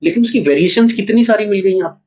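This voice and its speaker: A man's voice: sits high, quick pace, low-quality recording. A man who writes and stages plays, talking casually in an interview and acting out little examples as he tells stories. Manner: animated storytelling, acts out examples. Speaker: playwright and theatre director.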